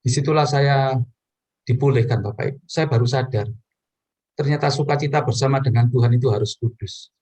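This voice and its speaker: Man, mid-pitched voice, earnest sermon testimony, speaks directly to the congregation. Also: a little fast, darkish tone. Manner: earnest storytelling with sudden pitch rises; addresses listeners directly. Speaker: preacher giving a personal testimony.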